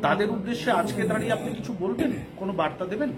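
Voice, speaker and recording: A man's voice: high voice, expressive, very fast, a loud crowd. A man working as a reporter who fires off pressing questions at a press scrum.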